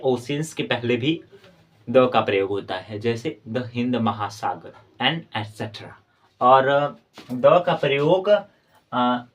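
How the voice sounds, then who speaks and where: Man teaching English grammar. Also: medium pitch. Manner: explains by repeating words, addresses viewers as friends. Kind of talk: classroom-style grammar lesson.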